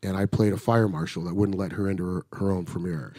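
A middle-aged man with a fairly low voice tells a story in an easygoing, animated way, swearing freely. He sounds close and dry, with no room sound. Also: quick pace, no room sound. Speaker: actor telling a show-business story. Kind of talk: casual storytelling chat.

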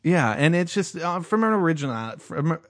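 A man's voice: on the high side, sing-song, fairly quick, fairly bright tone. Profane, ranting podcast guy. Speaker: podcast co-host. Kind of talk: casual chat.

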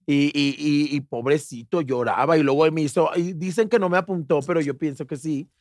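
A brash speaker with a Mexican accent chatting as a show guest, given to theatrical bits. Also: female voice, low voice, a little fast, a little mellow, dry recording, studio quality. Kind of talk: casual chat.

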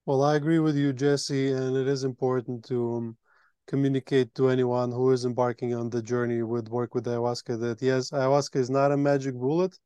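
A man's voice: medium pitch, flat delivery, fairly quick, warm tone, smooth, no echo. A man hosting a retreat, explaining earnestly in a conversational interview. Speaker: retreat host.

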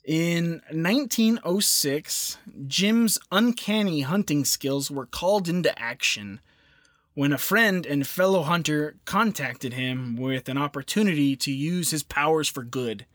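Animated man telling a story. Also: a little high, dry recording, studio quality. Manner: animated, laughs easily, quick asides. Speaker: podcast co-host telling a history story. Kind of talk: casual storytelling chat.

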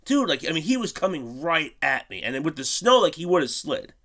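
A man in casual chat, laid-back, swearing and quick to laugh. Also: on the high side, sing-song, pushed and bright.

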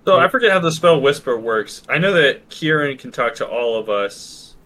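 A man's voice: medium pitch, animated, normal speed, bright, forceful tone, poor audio. A man playing a tabletop game, chatting casually about rules, with some noise in the recording. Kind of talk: casual chat.

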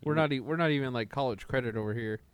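A man's voice: mid-range voice, rapid-fire, clear, resonant tone, no echo. A man co-hosting a casual wrestling podcast, joking and bantering with his friends. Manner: joking, mock-teacher delivery in his segment. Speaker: podcast co-host.

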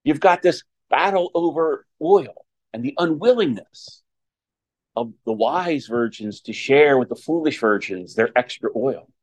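Measured male priest giving a homily. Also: mid-range voice, animated, poor audio. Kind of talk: homily and Gospel reading.

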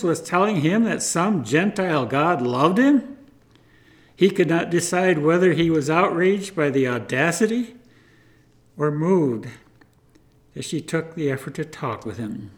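A man tells a testimony from the pulpit. He speaks in an earnest, measured way. His voice sits somewhat high for a man. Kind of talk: retelling a testimony.

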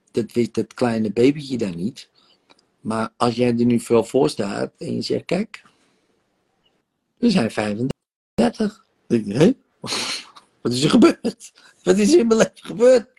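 Gravelly-voiced man gently guiding a session. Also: mid-range voice, sing-song. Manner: soothing, coaxing guidance with drawn-out sighs and exclamations. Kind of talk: guided emotional regression session.

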